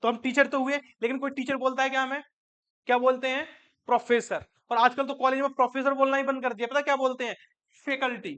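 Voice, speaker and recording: High-voiced, bright male lecturer. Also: flat delivery, fast talker, muffled recording. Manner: asks students questions and answers them himself; mixes English terms into Hindi. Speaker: teacher. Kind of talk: classroom lecture.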